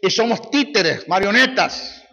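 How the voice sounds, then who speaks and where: A man preaching a sermon as a Bible teacher, forceful and mocking, hammering his points through repetition, in an echoey hall on a dull, lo-fi recording. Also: high voice, animated, measured pace, vocal fry.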